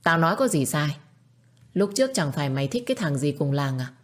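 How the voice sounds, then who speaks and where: A woman's voice: sits low, very animated, a little fast. A woman voicing a spiteful middle-aged stepmother who screeches insults and taunts. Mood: scolding.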